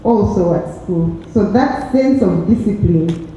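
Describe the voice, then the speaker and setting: A woman's voice: lowish voice, animated, a little slow, mellow, far from the mic, a little hiss or hum. Ugandan woman in an echoey hall. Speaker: interviewee sharing experiences. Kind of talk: reflective personal talk.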